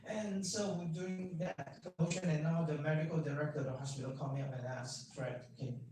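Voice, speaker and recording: A male doctor tells a patient's story with animated delivery, dropping quiet for the key points. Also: a little high, fairly quick. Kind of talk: storytelling talk. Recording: echoey, distant, faint hum.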